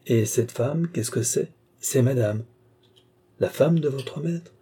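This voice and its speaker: A man reading the lines of an old female housekeeper in a storybook, giving short, dry replies in a dark, husky voice. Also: medium pitch, takes it slowly.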